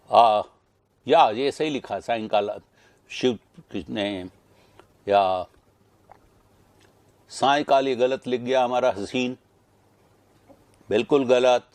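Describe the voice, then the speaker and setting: A middle-aged man teaching Hindi spelling in a live online class, correcting and praising students by name. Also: mid-range voice. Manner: animated, stresses words loudly when correcting, praises students often.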